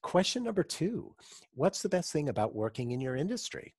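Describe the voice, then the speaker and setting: A man in his forties hosts a podcast, upbeat and encouraging as he runs through his set questions. His voice is slightly husky and animated, rising and falling a lot. The sound is dry, from a home setup with earbuds. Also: a little high, fairly quick, no room sound. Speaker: podcast host. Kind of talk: scripted podcast intro and interview questions.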